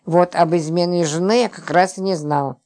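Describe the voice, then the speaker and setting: A woman reading the part of an exasperated, sarcastic man who hides out in a stranger's flat, prone to angry outbursts. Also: fairly low pitch, moderate pace, lightly acted. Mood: explaining. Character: exasperated sarcastic man, a company boss hiding out.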